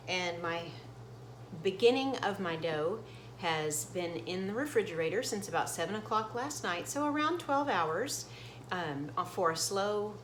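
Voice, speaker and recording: A woman's voice: on the low side, fairly bright tone, roomy sound, slight background noise. A middle-aged woman hosting her own cooking channel in her home kitchen, casually talking through each step as she demonstrates it. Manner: chatty, explains each step as she goes.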